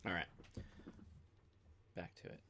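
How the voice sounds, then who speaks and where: An American man hosts a ham radio livestream, chatting casually and slowly while rambling off on tangents. The background is noisy.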